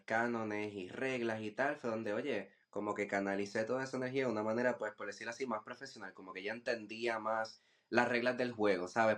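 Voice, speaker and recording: A man in his twenties with a Puerto Rican Caribbean Spanish accent, chatting casually as a podcast guest and sprinkling in English words. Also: on the low side. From Puerto Rico. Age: 20s. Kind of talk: casual chat.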